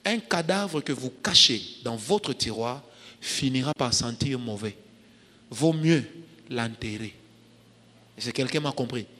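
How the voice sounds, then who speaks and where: A middle-aged man preaching a lively sermon to young adults, telling stories and breaking into loud, laughing bursts and sung snatches. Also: mid-range voice, unhurried, pauses often, in a large hall. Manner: animated, turns loud and laughing, sings snatches.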